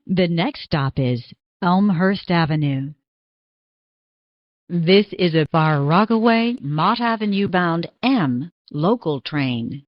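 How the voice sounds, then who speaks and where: A woman making formal, measured train station announcements, her recorded words spliced together one by one. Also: lowish voice, no room sound. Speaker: transit announcer. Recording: dull lo-fi recording.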